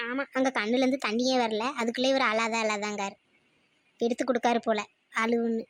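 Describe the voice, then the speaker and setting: A woman's voice: on the high side, flat delivery, brisk, no room sound, clean studio sound, lightly acted. A woman voicing a defiant young daughter-in-law in a family cartoon, with a sarcastic, scolding manner. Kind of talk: cartoon voice acting.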